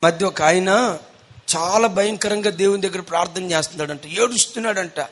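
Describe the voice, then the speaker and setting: A man's voice: high-pitched, a little fast. A male pastor preaching a sermon with a Telugu accent, telling dramatic stories and acting out the voices. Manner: dramatic storytelling, acting out voices, rising to shouts.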